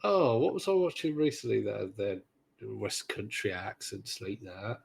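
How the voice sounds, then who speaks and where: A man's voice: fairly low pitch, very animated, moderate pace, gravelly, breathy edge. A British man chatting casually as co-host of a gaming podcast. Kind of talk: casual chat.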